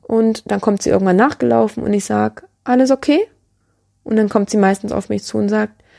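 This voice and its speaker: A woman's voice: mid-range voice, little pitch movement, fairly quick, creaky, dark tone, dry recording, clean studio sound. A woman in her thirties talking earnestly and reflectively as a mother, often restarting her sentences and checking in with "ja?". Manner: earnest, searching, with restarts and frequent "ja?". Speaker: mother sharing parenting reflections. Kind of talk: personal reflective talk.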